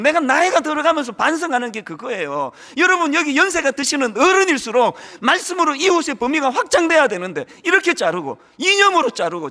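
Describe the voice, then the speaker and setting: Animated high-voiced preaching man. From Gyeongsang region, South Korea. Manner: animated, acts out quoted church members in mocking voices. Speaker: pastor. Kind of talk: sermon.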